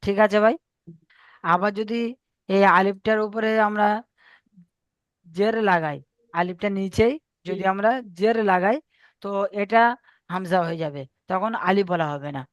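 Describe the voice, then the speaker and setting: Over a video call, a man teaches Arabic letter reading in an online class, patiently repeating each point and quizzing his students. His voice is high-pitched and unhurried, with frequent pauses and no echo.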